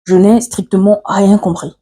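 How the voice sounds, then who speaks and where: A woman with an African French accent telling a personal story to camera, earnest and confiding, pausing often on fillers and restarts. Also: mid-range voice, steady tone, warm tone. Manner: hesitant, frequent "euh" fillers and restarts. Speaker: vlogger.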